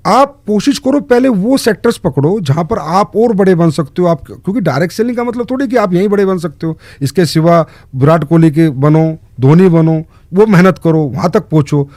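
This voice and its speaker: A man's voice: high voice, expressive, moderate pace, few pauses, darkish tone, no echo. A man answering interview questions in an earnest way, stressing points with short repeated commands. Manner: emphatic, lists short commands. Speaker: guest in direct selling.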